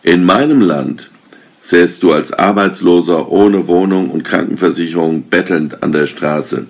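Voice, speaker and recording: A man reading aloud as a towering holy king with a deep, gravelly voice, booming and menacing. He lectures sternly and unhurriedly, with a husky edge. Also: unhurried, heavily acted. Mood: lecturing.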